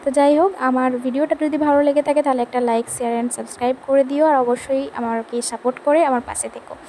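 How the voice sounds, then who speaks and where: A woman's voice: high-pitched, steady tone, brisk, dark tone, a little hiss or hum, poor audio. A young woman chatting casually through a home vlog, narrating her chores on a handheld phone while pregnant and sweaty from housework. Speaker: vlogger. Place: home, rooms and kitchen.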